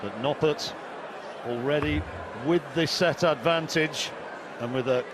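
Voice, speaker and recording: A man's voice: a little high, a little slow. A man giving live darts commentary in a chatty, conversational way with wry asides. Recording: noisy venue with clear crowd behind. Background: darts crowd noise.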